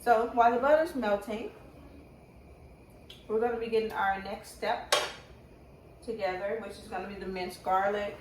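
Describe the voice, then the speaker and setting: A woman's voice: mid-range voice, fairly even intonation, normal speed, long pauses. A woman who talks with braces, giving a casual cooking demonstration and thinking aloud in an informal way. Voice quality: speaking with braces. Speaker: home cooking vlogger. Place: home kitchen. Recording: roomy, distant mic, faint noise.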